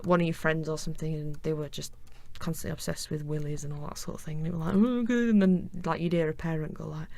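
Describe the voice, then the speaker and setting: A woman with a Yorkshire accent, co-hosting a podcast in casual chat and telling stories animatedly, acting out quotes in a higher voice. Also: fairly even intonation, fast talker, vocal fry, hardly any pauses, a little mellow. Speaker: podcast co-host.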